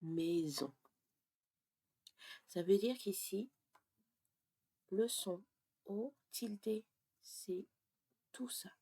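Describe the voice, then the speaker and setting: A woman teaching French pronunciation, explaining slowly and dropping to a half-whisper as she writes things down. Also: mid-range voice, dark tone, husky, dry recording. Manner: slow and deliberate, often drops to a half-whisper while writing. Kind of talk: slow explanatory lesson while writing on a board.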